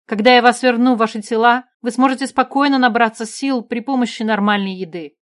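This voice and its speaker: A woman's voice: on the high side, normal speed, pitched above the performer's own voice, natural voice. Woman doing a commanding young magic queen. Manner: raised, commanding delivery. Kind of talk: audiobook character voice.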